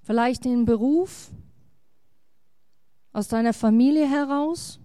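A woman's voice: a little high, slow pace, dark tone, smooth, no echo, clean studio sound. A woman pastor, preaching a sermon and acting out the biblical dialogue in quoted voices.

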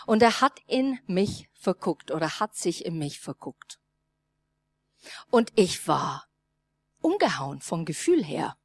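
Lively woman pastor. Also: on the low side, takes it slowly, pauses often, dry recording. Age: 30s or older. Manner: lively storytelling, acts out dialogue, non-native grammar slips. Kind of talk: sermon with personal story.

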